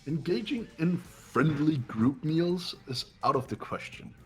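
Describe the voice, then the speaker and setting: A man with a slightly high, darkish voice and lively intonation speaks at a measured pace over soft background music. In this amateur voiced game playthrough he's the cold, arrogant young heir, formal and condescending, with a haughty air.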